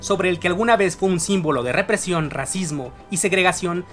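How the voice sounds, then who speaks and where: An explainer host tells a history lesson in a steady, earnest narration at a middle pitch. The host now and then turns to the viewer with direct questions. Soft music plays faintly underneath. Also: fairly quick. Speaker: host of an educational channel. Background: faint background music.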